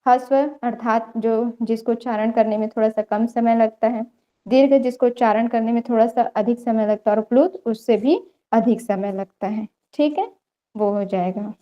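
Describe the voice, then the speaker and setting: A woman's voice: a little high, steady tone, moderate pace, highs cut off. A young woman teaching an online yoga theory class, explaining step by step and checking in often with her students. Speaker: yoga lecturer.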